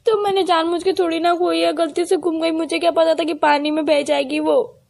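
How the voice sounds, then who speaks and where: A woman's voice: very high-pitched, flat delivery, a little fast, creaky, darkish tone. A woman playing a girlfriend in a comedy skit, whining and pleading in a sulky way over a pretend phone call.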